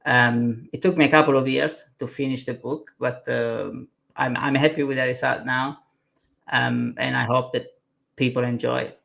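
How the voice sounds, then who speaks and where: Italian-accented male consultant, 40s, gravel in the voice, mid pitch. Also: fairly even intonation, moderate pace, fairly bright tone. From southern Italy. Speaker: consultant and author. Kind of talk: guest interview on a live webinar.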